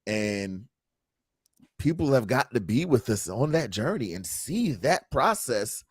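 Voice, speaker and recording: A man's voice: medium pitch, sing-song, slow, husky, no room sound, clean studio sound. A man hosting a casual livestream talk, earnest and reflective, reading viewer comments aloud. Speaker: host.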